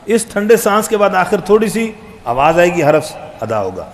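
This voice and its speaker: A man teaching a Quran recitation lesson, quizzing the students and calling out letter sounds loud and long. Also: sits high, sing-song, a little hiss or hum. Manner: drills letters aloud, loud and drawn out; asks students questions, jokes. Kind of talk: classroom tajweed lesson.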